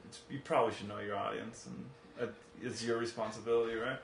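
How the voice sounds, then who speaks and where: A male podcast host talks loosely and jokingly, with frequent swearing and easy laughter. His voice sits in a middling register and carries a clear room echo from the home office around him. A faint hum lingers underneath. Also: mid-range voice, steady tone, brisk. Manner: swears casually, laughs often. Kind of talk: casual podcast conversation.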